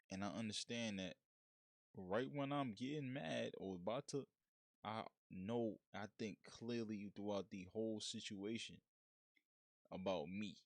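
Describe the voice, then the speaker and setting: Low-voiced guy talking straight up, slangy and laid back, dry close sound. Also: dry recording. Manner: frank, slangy, laid-back street talk. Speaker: podcast host. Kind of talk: casual solo monologue.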